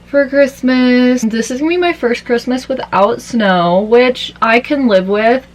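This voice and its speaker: A woman's voice: fairly high pitch, unhurried, rough recording. A tired young woman chatting her way through a makeup routine after an all-nighter, rambling casually. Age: young adult. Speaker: vlogger. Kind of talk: casual makeup vlog chat.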